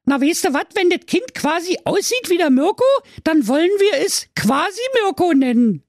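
A brash Berlin housewife in a storybook comedy, with a voice pushed way up into a shrill squawk that sounds strained and thin. She talks in coarse Berlin dialect, loud and blunt, and the sound is close and dry. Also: big pitch swings, measured pace, no room sound, exaggerated voice. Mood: squawking excited.

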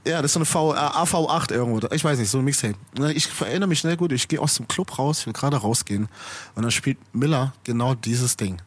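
A man's voice: medium pitch, quick pace. A middle-aged man from the Stuttgart area, a rapper guest in a casual podcast talk, loose and chatty, tagging his sentences with "you know". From Stuttgart area, Germany.

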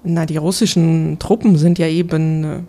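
Creaky-voiced woman correspondent. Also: sits low, fairly even intonation, normal speed, dark tone. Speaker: correspondent reporting from Moscow. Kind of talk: conversational explanatory report.

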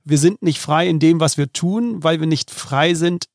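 A man's voice: a little high, normal speed, no echo, clean studio sound. A man hosting a podcast interview, asking friendly questions with frequent hesitations. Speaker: podcast host.

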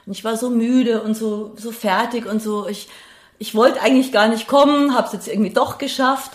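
Recorded in an echoey room, a middle-aged woman speaks at normal speed with a fairly high voice and fairly even intonation. A Bavarian singer and grief singing-circle leader, she's an interview guest who thinks aloud, searching for words and asking short tag questions for agreement.

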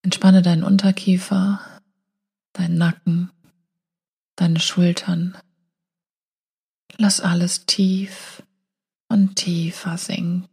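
A woman guiding a hypnotic meditation in a slow, soothing hypnotist voice, breathy and often falling near a whisper, with long pauses. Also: on the low side, level tone, dark tone. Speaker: meditation guide and show host.

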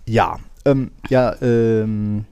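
A man's voice: fairly low pitch, very slow, vocal fry, warm tone, smooth, dry recording. A man co-hosting a casual tech podcast, rambling with many fillers and telling grumbling, wry stories. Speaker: podcast co-host. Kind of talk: casual chat.

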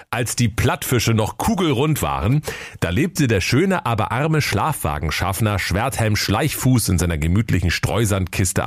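A man's voice: fairly low pitch, no room sound, studio quality. A man with a northern German accent narrating a comic fairy tale in a playful way. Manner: playful, animated. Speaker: storyteller.

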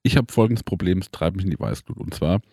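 A man's voice: deep voice, fast talker, vocal fry, dark tone, husky, no echo, clean studio sound. A man in casual podcast chat, griping in a laid-back, wry way and drawing out his stresses.

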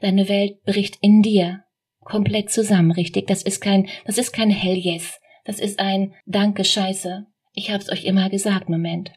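A woman with a slightly husky voice hosts a motivational business podcast. She talks straight to the listener, coaching them with direct rhetorical questions in a monologue at a middle pitch. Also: level tone, unhurried, a little mellow.

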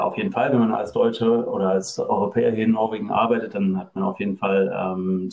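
A man's voice: fairly low pitch, phone-quality sound. A middle-aged man from Germany, a guest in a casual interview, speaking hesitantly with many fillers.

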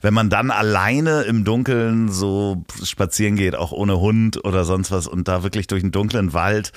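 A man's voice: fairly low pitch, normal speed, no room sound, studio quality. A man co-hosting a casual podcast over a video call, teasing and rambling with fillers. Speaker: podcast co-host. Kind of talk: casual chat. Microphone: remote call.

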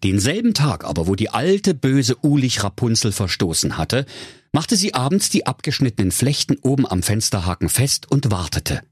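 Brief: male storyteller, husky voice with wide swings, dry sound. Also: medium pitch, sing-song, normal speed, dry recording. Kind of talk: comic fairy-tale reading.

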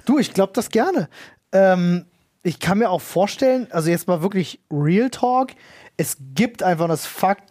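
A man co-hosting a casual podcast chat, speaking in slang and pausing to search for words. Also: high-pitched, animated, darkish tone, no room sound, clean studio sound. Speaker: podcast co-host.

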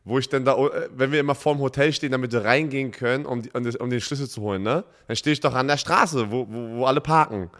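A man co-hosting a casual podcast, talking in a chatty way and telling stories excitedly. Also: medium pitch, fast talker, few pauses. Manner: chatty, bursts of laughter, excitable retelling. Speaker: podcast co-host. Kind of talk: casual chat.

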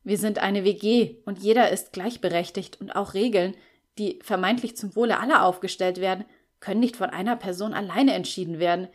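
A laid-back young man sharing a flat, calm and reasonable as he talks things over, as a woman reads him in an audiobook. The voice sits only slightly lower than the reader's own, steady and even. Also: a little fast, natural voice. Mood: diplomatic. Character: easygoing diplomatic young male flatmate.

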